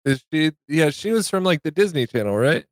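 A man's voice: on the high side, sing-song, fairly quick, no room sound, clean studio sound. A man co-hosting a casual podcast chat, talking hesitantly with many fillers.

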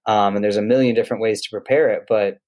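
A man's voice: on the low side, fairly even intonation, fast, a little mellow. A man, a private chef, chatting casually and at length about food with enthusiasm. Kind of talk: casual conversation.

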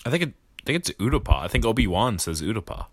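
A man taking his turn in a casual trivia quiz, hesitant and thinking out loud. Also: medium pitch, very animated, very fast, slightly rough, no room sound, clean studio sound. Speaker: trivia contestant.

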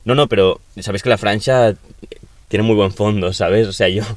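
A young man, his voice sitting a little low, cracks crude jokes and laughs easily in a loose chat with friends. The recording is close and dry. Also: fairly even intonation, moderate pace, no echo. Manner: joking, crude, laughs often. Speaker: podcast co-host. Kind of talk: casual chat.

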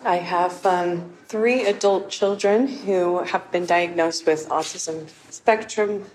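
A middle-aged woman, a clinic owner and nurse, introducing herself carefully, with pauses. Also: fairly low pitch, a little mellow, slight background noise, low-quality recording. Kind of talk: self-introduction.

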